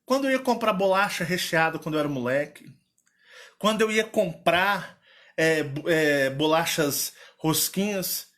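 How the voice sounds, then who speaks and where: Lively high-voiced man with a Minas Gerais accent. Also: a little slow. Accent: Minas Gerais Portuguese. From Minas Gerais, Brazil. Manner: animated, playful, rambling with many restarts. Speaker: channel host. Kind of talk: casual chat.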